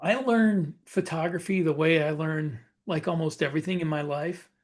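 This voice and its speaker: This podcast co-host, a man whose voice sits a bit high, wanders through personal anecdotes in a relaxed way, pausing and fixing his wording often as he talks.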